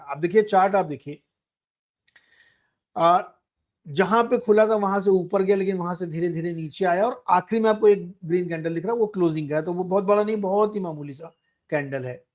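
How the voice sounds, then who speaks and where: Man, market show host, daily commentary, conversational, slightly high voice, walks viewers through charts. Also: darkish tone.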